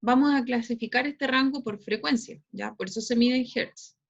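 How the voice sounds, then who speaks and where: This woman teaches an online class with a Chilean Spanish accent, speaking at a moderate pace in a fairly high, creaky voice. Nearly each phrase ends with a question tag, and the audio is flat and lo-fi.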